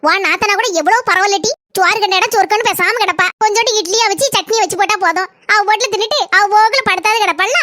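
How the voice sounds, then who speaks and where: A woman's voice: very high-pitched, quick pace, hardly any pauses, pushed and bright. Woman voicing a gossipy village housewife. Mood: gossiping. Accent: southern Tamil Nadu village dialect. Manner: gossipy, exaggerating. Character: gossiping village housewife complaining about in-laws. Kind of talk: cartoon voice acting.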